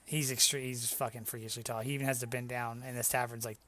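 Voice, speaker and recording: A man's voice: medium pitch, little pitch movement, quick pace, sharp tone. A man narrating as dungeon master, casual and laughing, with some swearing. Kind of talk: narrating a tabletop game.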